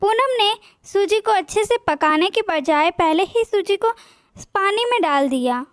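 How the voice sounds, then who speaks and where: Woman storyteller, plain steady narration, high pitch, dry. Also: a little slow, no room sound.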